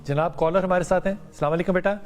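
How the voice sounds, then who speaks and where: A man's voice: sits high, fairly even intonation, a little mellow, soft background music. A man hosting a podcast, politely asking short questions and taking a caller. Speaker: podcast host. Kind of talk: interviewing and taking calls.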